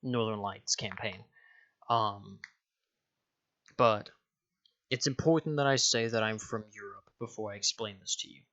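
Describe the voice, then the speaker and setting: A man's voice: on the low side, unhurried, pauses often, fairly bright tone, muffled recording. A young man from Denmark, a YouTuber, talking casually to his viewers, rambling, correcting himself and swearing offhand. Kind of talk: casual direct-to-camera vlog.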